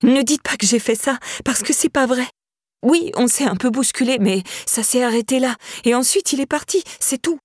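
A woman's voice: a little high, moderate pace, darkish tone, slightly rough, dry recording, clean studio sound, pitched above the performer's own voice. A woman voicing a panicky young woman under questioning. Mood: pleading. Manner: pleading, rising, panicky.

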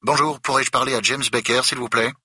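A man's voice: mid-range voice, steady tone, brisk, pushed and bright, husky, no room sound, clean studio sound, voice pushed up. A man voicing a curt, irritated male museum director on the phone, speaking in a clipped, pinched way.

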